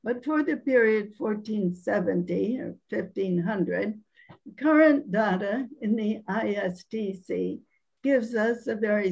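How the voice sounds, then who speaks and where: A woman with a hoarse voice from laryngitis, giving a careful, measured scholarly presentation over a video call. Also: medium pitch, darkish tone, poor audio. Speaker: academic conference speaker.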